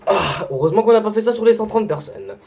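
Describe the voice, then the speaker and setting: Casual young French man reading shout-outs. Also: sits high, lively intonation, vocal fry, background noise. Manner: rattles off names with quick asides and apologies. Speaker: vlogger.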